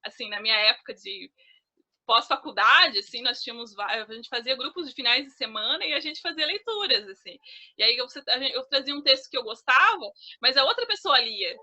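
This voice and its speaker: A woman's voice: high-pitched, lively intonation, a little fast, pushed and bright. A woman from Brazil, a writer, leading a creative writing workshop in a loose, chatty way, full of fillers and restarts, laughing easily as she explains. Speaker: author of children's stories and poems. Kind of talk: informal teaching talk.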